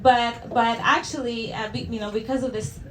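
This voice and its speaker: A woman's voice: a little high, fairly even intonation, normal speed, crowd noise. A young woman from El Salvador with a Salvadoran Spanish accent, performing a stand-up set in a hesitant, self-deprecating way with many fillers and restarts. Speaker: stand-up comedian. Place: comedy venue with live audience. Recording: echoey room, audience laughter.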